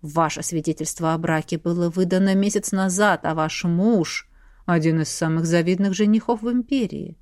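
A woman voicing a calm, polite male clerk who speaks slowly and gently. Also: on the low side, dry recording, clean studio sound, pitched below the performer's own voice, natural voice. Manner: slow, measured and gentle.

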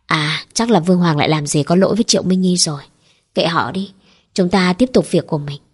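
A woman reading as a breezy young woman in a spoken storybook, shrugging off other people's trouble. The voice is husky and low. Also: fairly quick.

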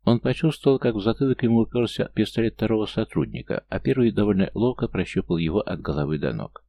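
A man reading a thriller aloud as an audiobook narrator, in a steady, restrained way with clipped dialogue. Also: lowish voice, quick pace.

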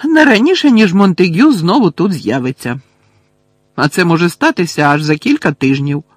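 A man voicing an unflappable teenage prankster boy who talks calmly and teasingly. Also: high voice, normal speed, husky, no room sound, studio quality, pitched above the performer's own voice, heavily acted.

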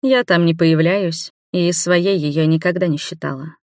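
A woman's voice: on the low side, fairly even intonation, measured pace, darkish tone, no room sound, lightly acted. A reader voicing a tired, blunt middle-aged woman who answers dryly and curtly. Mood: weary, curt. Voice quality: dry, curt. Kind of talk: audiobook dialogue.

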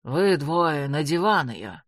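A woman voicing a cold, menacing male leader of a religious order, speaking slowly and with threat. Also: low-pitched, very animated, dry recording, studio quality, pitched below the performer's own voice, heavily acted. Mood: cold menace.

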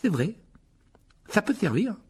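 A man voices a cheeky, plain-spoken boy wizard from a storybook, raising his pitch above his narrating voice. The delivery is dry and sardonic over a husky grain. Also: big pitch swings, unhurried, exaggerated voice. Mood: keen. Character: wry, blunt teenage schoolboy wizard.

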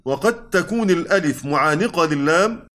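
A man's voice: fairly high pitch, lively intonation, fairly quick, a bit bright. A man with an Egyptian Arabic accent teaches a class, his voice sitting a little above the usual male range. He explains patiently, one step at a time, and keeps asking whether everyone has understood before he moves on. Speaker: Quran recitation teacher. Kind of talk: classroom lesson explaining text.

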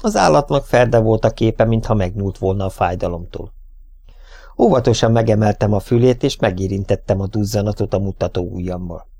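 Man with a measured audiobook read. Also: on the low side, lively intonation, warm tone. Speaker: audiobook narrator. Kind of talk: audiobook narration.

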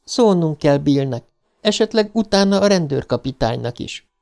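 Guy reading an audiobook doing a teary young girl, earnest and pleading, raised high and mellow. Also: expressive, creaky. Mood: earnest, tearful. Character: tearful young girl, quiet but firm. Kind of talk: audiobook character voice.

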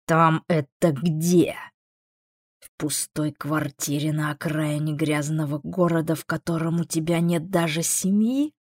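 A woman voicing a calm, mocking male demon in an audiobook, speaking slowly with a gravelly edge. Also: dry recording, clean studio sound. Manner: slow, low, unhurried and sardonic. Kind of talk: audiobook character voice.

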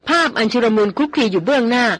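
A woman narrating a novel in an even, measured reading. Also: fairly high pitch. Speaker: audiobook narrator.

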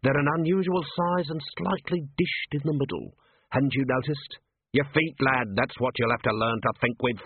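Gruff, brusque watch commander, husky voice, voiced by a man; phone-thin sound. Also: mid-range voice, normal speed, dry recording. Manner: brusque, wry. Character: gruff middle-aged male watch commander, dry and brusque. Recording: tinny narrow-band, dry.

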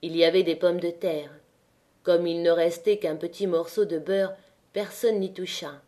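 A woman narrating a classic novel as an audiobook reader, in a measured way. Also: fairly low pitch, steady tone, dark tone.

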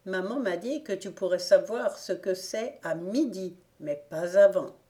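A woman's voice: mid-range voice, unhurried, warm tone, natural voice. A woman voicing a proud little girl who patiently explains things to her friends in a coaxing way.

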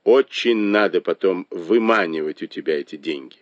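A man reading aloud and voicing a shrewd, sharp-tongued noblewoman who scolds and mocks her husband. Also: deep voice, moderate pace, dry recording, highs cut off, close to an everyday voice. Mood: guarded. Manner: mocking, reproachful.

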